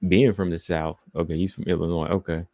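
A man's voice: low-pitched, level tone, brisk, warm tone, dry recording, clean studio sound. A man from the American South with a Southeastern accent, hosting a casual livestream and rambling loosely as he reads chat comments aloud. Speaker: podcast host reading live chat.

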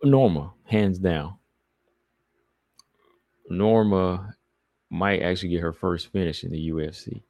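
Deep-voiced Southern man chatting casually. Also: slow, vocal fry, long pauses, a little mellow, dry recording. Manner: loose and rambling, reads chat comments aloud. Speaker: podcast host reading live chat. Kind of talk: casual livestream chat.

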